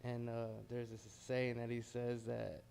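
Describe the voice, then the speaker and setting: A man's voice: mid-range voice, monotone, unhurried, gravelly, darkish tone, slight background noise. An American man, a heavyweight boxer, talking casually and modestly in a pre-fight interview.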